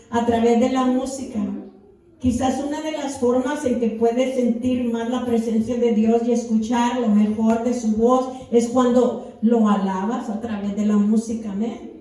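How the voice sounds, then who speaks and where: A woman's voice: on the high side, warm tone. A woman pastor preaching a sermon with fervor, often adding amens. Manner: fervent preaching with repeated amens. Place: church. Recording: echoey church hall, voice from far off.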